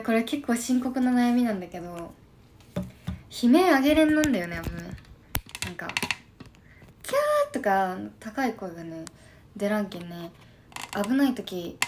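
A young woman in her twenties with a Shimane accent and a husky, slightly hoarse voice, chatting casually on a live stream. She reads viewer comments aloud and murmurs quick thank-yous between remarks. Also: a little high, slight background noise. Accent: Shimane dialect. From Shimane, Japan. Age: 20s. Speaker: idol livestreamer.

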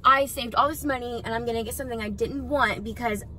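A woman's voice: fairly high pitch, fairly even intonation, fast, bright, forceful tone, a little hiss or hum. A woman of about eighteen, chatting casually and sentimentally to her viewers from inside a parked car, filmed on a phone. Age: late teens. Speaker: vlogger. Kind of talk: casual vlog chat. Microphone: phone camera held on the dashboard.

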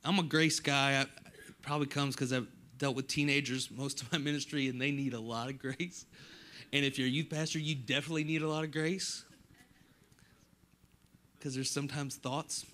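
A man preaching a sermon in a church, moving between hushed, quiet passages and loud, impassioned ones, with the occasional self-deprecating aside. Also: medium pitch. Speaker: guest pastor. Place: church sanctuary.

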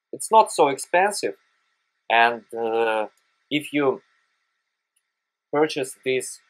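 Hosting a screen-recorded photography software tutorial, a man with a Russian accent and a mid-range voice talks slowly and haltingly. He hesitates a lot, fills pauses with frequent "uh"s, and chooses his non-native phrasing carefully. The audio quality is poor.

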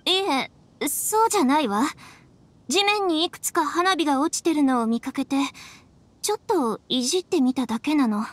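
A woman's voice: high voice, animated, normal speed, a bit bright, dry recording. A woman voicing a flustered, sheepish young woman in a video game, hesitant and apologetic.

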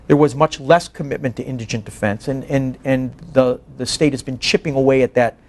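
This man in his forties, a public defense advocate, lectures to a faculty colloquium with questions inside a meeting room. He talks fairly quickly in a steady, medium-pitched, slightly mellow voice, earnest and emphatic, often adding "right?".

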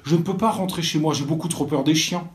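A man's voice: a little high, fast, voice pushed up, natural voice. A man voicing a timid little peasant boy who turns eager and boastful, in a raised childlike voice. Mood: frightened.

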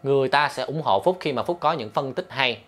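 A man's voice: mid-range voice, animated, fairly quick, a bit bright, soft background music. A man hosting a commentary vlog, speaking to viewers directly, with many hesitation fillers and referring to himself by name in the third person. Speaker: lawyer and channel host.

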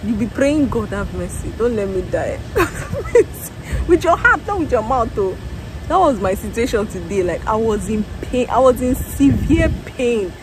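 Brief: young woman, worn out after work, lively storytelling vlog, phone mic outdoors with clear street noise. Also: a little high, measured pace. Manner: tired, animated storytelling with laughs and exclamations. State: tired. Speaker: vlogger. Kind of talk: casual vlog chat. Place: outdoors in a parking lot beside a factory building. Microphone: phone at arm's length.

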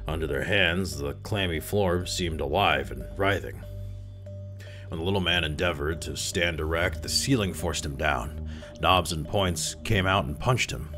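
A man calmly reading a classic short story aloud as narrator. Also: deep voice, unhurried, music in the background. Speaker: story reader.

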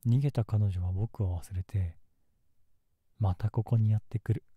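A man playing a gentle, melancholy young man in love, in a soft, intimate ASMR role-play close to the mic. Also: fairly low pitch, fairly even intonation, moderate pace, slightly rough, dry recording, lo-fi sound. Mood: wistful. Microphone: close ASMR microphone in a dry space.

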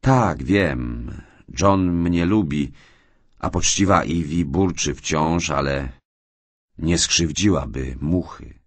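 A man reading an audiobook and voicing a shy, tearful young orphaned woman in a raised, soft voice. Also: rumbling low, slow pace, no echo, full character voice. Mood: hurt, tearful.

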